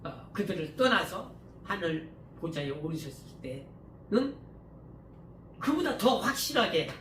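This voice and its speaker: His high voice very animated yet his pace measured, a male pastor talks to his church hall congregation conversationally, regularly asking them to agree. Filler words and restarts abound, broken by abrupt, louder stretches. A distant mic picks up room echo and a faint hum.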